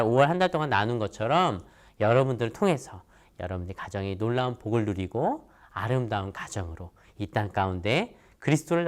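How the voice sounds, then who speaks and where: A man in his thirties giving a children's sermon as a church pastor, animated and acting out little voices. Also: mid-range voice. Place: church, recorded for online worship video.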